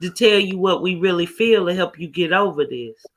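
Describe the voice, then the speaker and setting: High, bright-voiced man hosting chat. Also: normal speed. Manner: teasing, affectionate, steers the topic. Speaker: stream host. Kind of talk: casual group chat.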